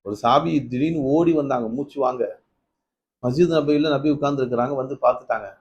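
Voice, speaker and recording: A man giving a Ramadan night sermon, telling stories, asking his listeners questions, rising to emphatic peaks and then dropping low. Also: a little fast, a little mellow, lo-fi sound, slight background noise. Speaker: preacher.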